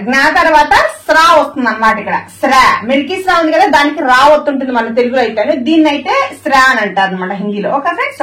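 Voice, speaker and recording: A woman's voice: on the high side, a bit bright, echoey room. A woman teaching Hindi letters to her viewers, who keeps calling them friends and keeps pointing them to what she writes. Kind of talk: lesson in Telugu.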